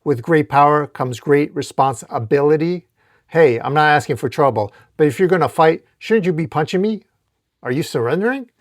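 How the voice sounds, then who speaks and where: A man voicing a wisecracking, plucky young superhero with an excitable, quippy delivery in a told story. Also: a little high, moderate pace, no room sound, studio quality, natural voice. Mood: cocky, quippy.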